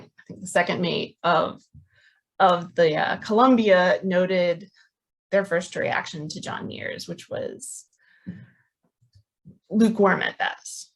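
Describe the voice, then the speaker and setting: A woman's voice: on the low side, low-quality recording. Hesitant woman giving a history talk. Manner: hesitant, many ums and restarts. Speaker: history lecturer. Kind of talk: academic talk.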